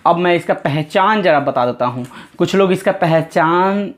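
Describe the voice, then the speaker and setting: A man's voice: high voice, expressive. A man teaching English grammar as a classroom lesson, patiently spelling words out letter by letter and repeating phrases. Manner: patient, explains slowly and step by step.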